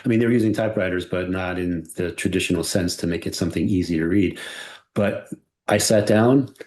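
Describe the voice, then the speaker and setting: A middle-aged man hosting a casual conversation. He talks in an animated, playful way and slips into character voices. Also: sits low, fairly quick. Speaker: podcast host and audiobook narrator.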